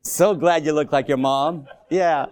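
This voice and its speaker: A man's voice: on the high side, steady tone, a little slow, a little mellow, no echo. A man in his sixties preaching a sermon to a congregation, emphatic and exhorting, repeating phrases for effect. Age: 60s. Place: church before a congregation.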